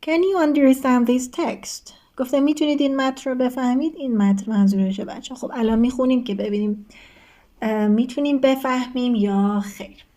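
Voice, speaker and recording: A woman's voice: high voice, fairly even intonation, mellow. A woman teacher explaining a textbook exercise step by step, reading each prompt aloud and giving the answer while speaking directly to her students. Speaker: English teacher. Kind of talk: recorded online lesson walkthrough.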